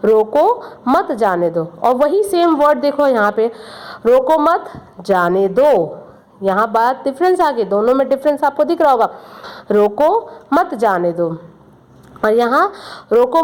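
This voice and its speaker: A higher-voiced woman teaching a grammar lesson to young pupils. She explains patiently step by step, repeats each example and keeps checking that the class is following. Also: a little mellow.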